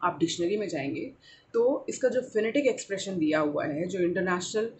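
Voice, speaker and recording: A woman's voice: fairly low pitch, animated, a little mellow, a little hiss or hum. Indian woman teacher, code-switching. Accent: Indian English. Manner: slow, drawn-out modelling of example words. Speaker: English teacher. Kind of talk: explaining to camera.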